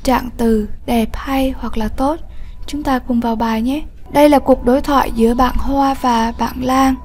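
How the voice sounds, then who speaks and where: A woman teacher giving a lesson, explaining slowly, patiently and clearly. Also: sits high, fairly even intonation, a little mellow. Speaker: English teacher. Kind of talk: classroom lesson narration.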